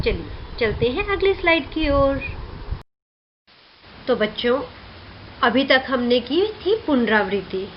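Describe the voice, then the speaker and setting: A woman teacher leads young children through a lesson, sounding out syllables one by one and often checking that they follow. Her voice sits a little high and moves very slowly. The recording is dull and lo-fi, with a faint hiss underneath. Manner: slow, clear syllable drilling, often asking "ठीक है?".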